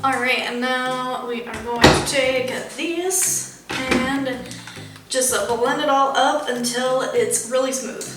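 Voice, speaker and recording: In her home kitchen, a woman chats casually through a vegan cooking demo, gushing about the food and filling her talk with "um" and "like." Her high voice holds a steady tone and she takes it slowly. The room is echoey, and music plays in the background.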